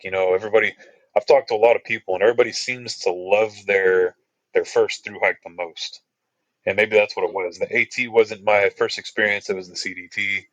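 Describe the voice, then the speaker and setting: A man's voice: fairly low pitch, a bit bright, dry recording, highs cut off. Laid-back man rambling through trail stories. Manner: rambling, laid-back, many fillers like "you know" and "like". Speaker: podcast guest, long-distance hiker. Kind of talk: casual storytelling chat.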